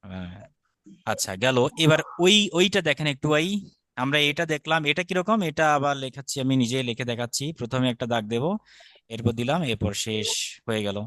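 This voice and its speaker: A man's voice: medium pitch, animated, brisk, a bit bright, no echo. A man teaching Sanskrit letters, patiently repeating and demonstrating each stroke. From Bangladesh. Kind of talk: step-by-step script lesson.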